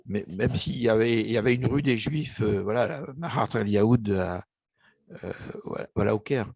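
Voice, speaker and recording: Here the same Egyptian author speaks in a lowish, slightly mellow voice with some vocal fry and a touch of roughness, at a moderate pace. Recalling his past in a relaxed interview about his book, he falters, restarts and fills gaps. There's no room sound.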